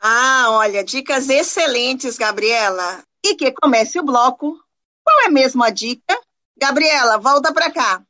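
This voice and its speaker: Bright high-voiced lady hosting a radio show, polite and friendly. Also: expressive, a little slow. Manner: friendly, formal introductions and questions. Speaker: radio host.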